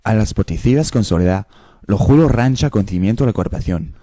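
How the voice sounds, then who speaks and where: Mellow man speaking fake foreign-language gibberish. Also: lowish voice, lively intonation, fast, no echo, studio quality. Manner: nonsense words in changing mimicked accents.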